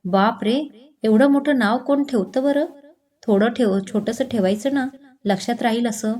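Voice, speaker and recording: A woman's voice: on the high side, normal speed, darkish tone, natural voice. A woman voicing a playful, childlike young woman who teases and forgets things, in a spoken storybook. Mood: teasing. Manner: teasing, giggly, scatterbrained.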